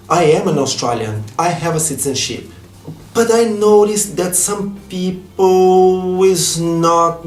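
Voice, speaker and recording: A Brazilian man whose first language is Portuguese delivers a personal vlog monologue in a rather high, darkish voice with a roomy sound. He comes across as earnest and heartfelt, with slightly non-native phrasing.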